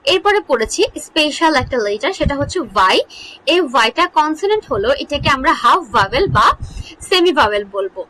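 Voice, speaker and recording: A woman teaching an English grammar lesson in Bengali, asking questions and answering them herself, repeating example words slowly. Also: high-pitched, sing-song, pushed and bright, a little hiss or hum, rough recording. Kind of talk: online lesson explaining English spelling.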